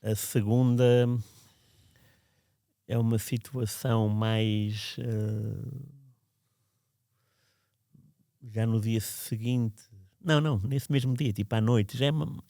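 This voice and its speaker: A man's voice: medium pitch, fairly even intonation, takes it slowly, vocal fry, long pauses, dark tone, dry recording, studio quality. A man who recalls events in a casual, reflective, meandering way, often restarting his sentences. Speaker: podcast storyteller. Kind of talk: casual spoken recollection.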